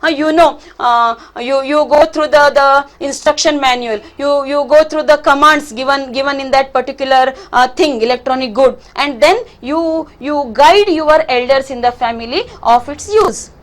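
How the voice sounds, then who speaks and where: High-pitched Indian woman teacher, Kannada accent. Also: moderate pace, hardly any pauses. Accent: Kannada Indian English. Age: middle-aged. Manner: emphatic, repeats points, checks in with short questions. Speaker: English teacher. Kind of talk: online lesson explanation, advising students.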